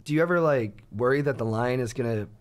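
A man's voice: medium pitch, fast, smooth. A man with an ordinary mid-range voice hosts the conversation. He asks loose questions padded with fillers and throws in jokes. He is recorded in a small indoor podcast studio. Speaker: podcast host. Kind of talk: casual interview conversation.

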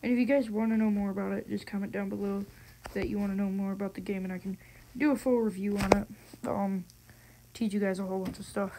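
A gaming video host with a mid-range voice talks fast through casual, excitable gameplay commentary, full of slang and frustrated outbursts. The recording is noisy, with clicks audible.

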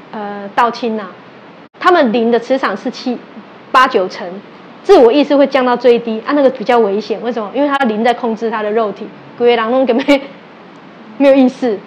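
A woman with a fairly high voice, speaking at a normal speed, gives a sermon as a religious teacher in Taiwanese Mandarin mixed with Hokkien. She tells animated stories, acts out quoted exchanges, and puts questions to her listeners. The lo-fi recording has slight background noise.

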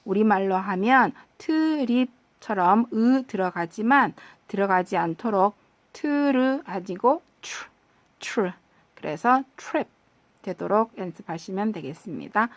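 A woman teaches an English lesson at a very unhurried pace, saying each practice phrase over and over. Her patient voice sits at a mid pitch. The recording is close and dry, with no room sound. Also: lively intonation, no room sound.

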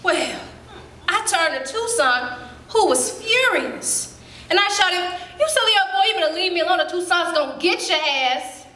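A woman performing a dramatic stage monologue as a spirited woman recalling her girlhood, telling it in lively, colloquial speech with sudden jumps in pitch. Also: exaggerated voice. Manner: lively storytelling, colloquial, with quick leaps up in pitch. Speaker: stage actor. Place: theater stage. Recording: roomy hall.

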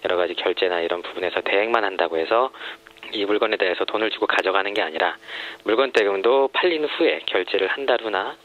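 Man with a deep pitch-shifted voice. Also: highs cut off. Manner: measured, explanatory, frequent hesitations. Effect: voice disguised, pitch shifted deep. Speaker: former home shopping supplier, interviewee. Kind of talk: anonymous radio interview.

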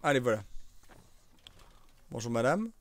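A man's voice: medium pitch, sing-song, a little slow, a little hiss or hum. A young man commentating a survival game live, easygoing and talkative. He banters with viewers in the chat and jokes about his play. Keyboard typing clicks under his voice. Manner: chatty, joking, reads and answers viewer chat. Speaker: streamer.

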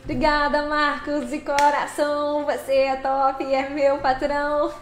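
High-voiced chatty woman streaming. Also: unhurried, reverberant. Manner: lively, chatty, laughs often, greets chat by name. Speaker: live streamer playing a truck game. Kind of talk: casual live-stream chat greeting viewers.

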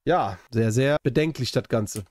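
A man's voice: mid-range voice, unhurried, darkish tone, no room sound. A man comments on a clip in a mid-range, everyday voice. He talks loosely and hedges his claims, often adding tag questions. The recording is dry and close, with no room sound. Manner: casual, hedging, tag questions. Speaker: host reacting to a video. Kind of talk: commentary chat.

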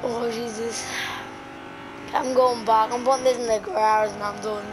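Over a noisy background, a young gaming video creator talks through her gameplay in a slangy, sweary way and addresses viewers as boys. Worn out and hoarse, with her voice almost gone, she speaks at a normal speed in a slightly high, level tone.

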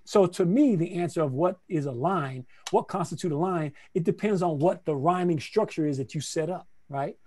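Animated male playwright scatting rhythms. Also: a little high, moderate pace, hardly any pauses. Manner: animated, scats rhythms aloud; conversational, repeats phrases for emphasis. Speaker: playwright teaching a masterclass. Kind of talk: lively online workshop teaching.

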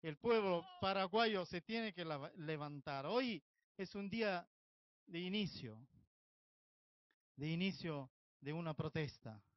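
Impassioned Italian man, high voice. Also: expressive, slow pace, long pauses, no echo, highs cut off. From Italy, Sicily. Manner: impassioned, demanding. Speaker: activist speaker. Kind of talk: public protest speech.

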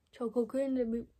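A woman's voice: fairly high pitch, a little mellow. Amused young woman reading with a scratchy voice. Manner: amused, mocking asides, frequent laughs and stumbles. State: scratchy voice, tickly throat. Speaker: reader of a fan fiction book. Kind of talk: casual reading aloud, commenting and laughing. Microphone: phone.

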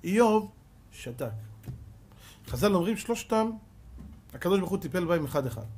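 A man giving a rabbi's sermon, telling stories dramatically and swinging between loud emphasis and hushed tones, with repeated rhetorical questions. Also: high voice, lively intonation, a little hiss or hum. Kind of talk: Torah sermon with storytelling.

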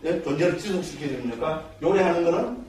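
Lively monk lecturing in an echoey hall. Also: male voice, on the high side, fairly quick, far from the mic, a little hiss or hum. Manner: lively, checks in constantly with rhetorical questions. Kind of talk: dharma lecture. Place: temple education hall.

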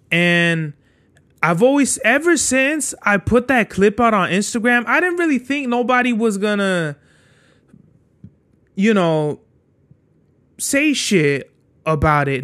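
Young male podcast host, high voice, rambling and profane, street slang. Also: fairly bright tone. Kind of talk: casual solo monologue.

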